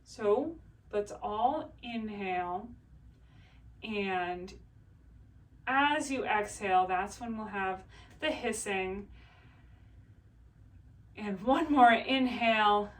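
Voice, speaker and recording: A woman voice teacher calmly guiding a breathing exercise and body scan, in slow, soothing instructions. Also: on the high side, recorded from a distance.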